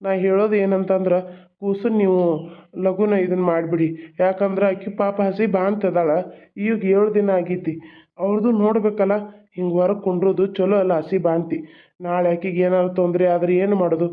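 A man voicing an older village man with a North Karnataka Kannada accent, speaking in a slow, matter-of-fact way. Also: high voice, flat delivery, close to an everyday voice. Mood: advising. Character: older village man giving practical advice. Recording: tinny phone-like sound.

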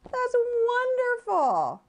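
Storybook daddy rabbit, calm and kind, read by a woman, unhurried. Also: mid-range voice, exaggerated voice. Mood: gentle. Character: gentle father rabbit, kind.

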